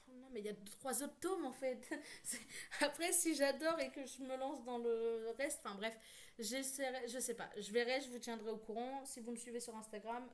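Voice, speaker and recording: Rambling French-speaking woman book vlogger. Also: on the high side. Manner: rambling with many fillers and self-corrections. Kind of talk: casual chat.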